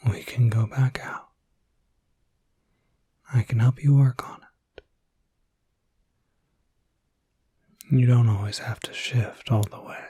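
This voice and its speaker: Close to the mic, a man plays a gentle, reassuring werewolf caretaker in an ASMR roleplay, using a soft, breathy, soothing whisper with small hesitations. His medium-pitched voice keeps a fairly even intonation, moving a little slowly, and there's no echo.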